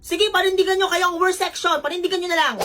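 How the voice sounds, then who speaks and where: A strict schoolteacher berates her failing class in a high, sharp voice, as a young woman acts her out in a comedy skit. Her tone stays stern and disappointed throughout. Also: fairly even intonation, fast talker, a little hiss or hum. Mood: scolding. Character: strict scolding woman teacher.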